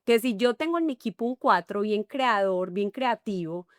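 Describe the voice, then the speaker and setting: Woman, middle-aged, Colombian paisa accent, expressive interview guest, dry close sound. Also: medium pitch, normal speed, dry recording. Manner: animated, acts out little dialogues. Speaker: guest, enneagram coach. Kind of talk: conversational interview.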